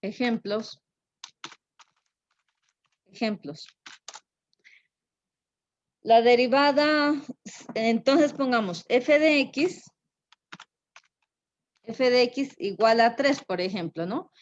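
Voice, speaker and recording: A woman teaching a math lesson, unhurried and thinking aloud, often checking in with a quick tag question. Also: fairly high pitch. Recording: dull lo-fi recording.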